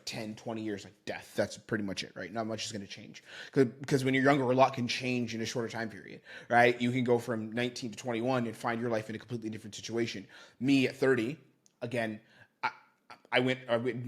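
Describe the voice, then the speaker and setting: Fast-talking male sales coach. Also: mid-range voice. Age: 30s. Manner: quick, coaching, talks in run-on thoughts. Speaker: sales coach reviewing a call. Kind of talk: commentary on a recorded sales call.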